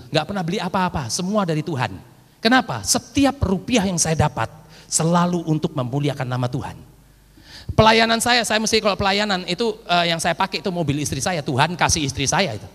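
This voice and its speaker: A man preaching a sermon as a pastor, telling a story with acted quotes and calling loudly to his listeners. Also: a little high. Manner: loud, forceful preaching, says he preaches loudly. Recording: echoey long-reverb hall, old sermon recording.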